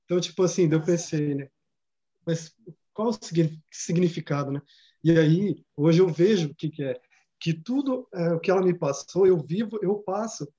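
A man's voice: a little high, normal speed, dark tone. A man earnestly telling a personal story in casual conversation, full of fillers and repeats. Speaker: study group member. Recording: dull lo-fi sound.

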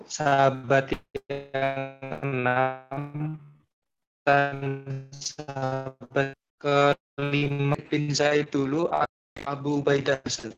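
A man speaks on a call whose audio breaks up and keeps cutting out. He talks slowly and haltingly in a flat voice, with many fillers. The line is dull and lo-fi, with faint music behind. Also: medium pitch. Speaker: moderator and questioner on an online religious class. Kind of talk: casual call-in question.

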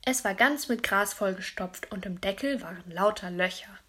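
A woman reading a children's story aloud in a lively, childlike first-person voice. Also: medium pitch, normal speed, husky. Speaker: audiobook reader. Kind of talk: storybook narration.

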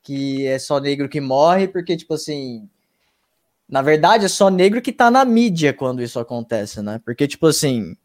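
Fairly high-pitched with lively intonation, a YouTube reaction channel host speaks at a moderate pace as a guest in a relaxed interview, recounting his story. He's emphatic and slangy, cursing often and repeatedly asking "tá ligado?", recorded dry at studio quality.

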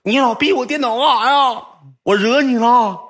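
Shrill wailing young woman, put on by a husky male storyteller, accusing and shouting. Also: moderate pace. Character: angry crying young woman at a net cafe.

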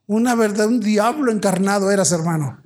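A man preaching a sermon in a church as pastor, passionate, repeating his questions and rising to shouts. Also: high-pitched, brisk. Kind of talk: sermon with altar call.

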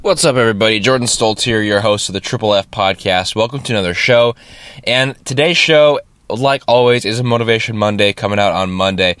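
A man's voice: fairly low pitch, fairly quick, fairly bright tone, smooth, no room sound. A man hosting his own podcast in a casual, rambling way, his voice stuffy and nasal from a cold and often tagged with "right?". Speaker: podcast host. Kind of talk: casual solo podcast talk. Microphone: studio podcast microphone.

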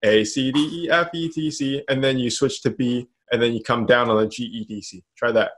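An instrument sounds in the background as a male music teacher leads a one-on-one lesson, casually and patiently calling counts and notes with light encouragement. He speaks a little quickly in a steady, mid-range, fairly bright voice.

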